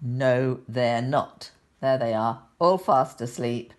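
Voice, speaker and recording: An older woman reading a picture book aloud to young children in a sweet, gentle grandmotherly way, with chatty asides. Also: very deep voice, takes it slowly.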